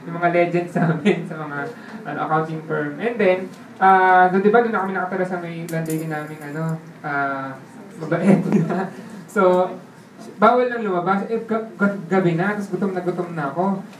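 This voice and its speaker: A man telling his life story in a casual way, laughing often and checking in with the listener through quick tag questions. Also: sits high, slight background noise. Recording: roomy sound from a distant mic with faint ambience.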